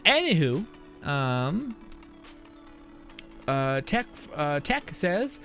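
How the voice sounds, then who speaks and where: Lively, laughing young man streaming a game. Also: fairly high pitch, very slow, faint music behind. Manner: laughs often, rambling, reads chat aloud. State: out of breath at times. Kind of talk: casual live-stream commentary.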